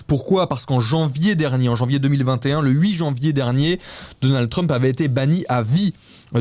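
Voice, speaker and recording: A man's voice: medium pitch, darkish tone, dry recording. A man hosting a weekly news show, recapping the news casually and running a quiz, hesitant and self-mocking with frequent restarts.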